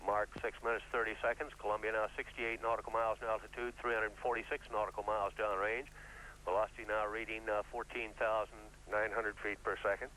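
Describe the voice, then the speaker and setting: A man's voice: on the low side, little pitch movement, quick pace, bright, forceful tone. A man giving matter-of-fact mission control radio commentary, calling out technical figures. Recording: faintly noisy radio feed.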